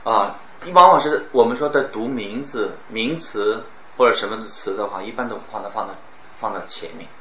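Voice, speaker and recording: A man teaching a class on speaking, lively and demonstrating words with exaggerated stress and pauses. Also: on the low side. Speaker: speech teacher. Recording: roomy, dull, some background noise.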